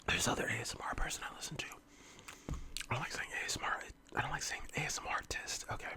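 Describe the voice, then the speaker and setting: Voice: medium pitch, fast. An ASMR host of unclear sex whispers close to the mic, as if leaning in, in an informal, meandering casual chat. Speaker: ASMR eating-video host.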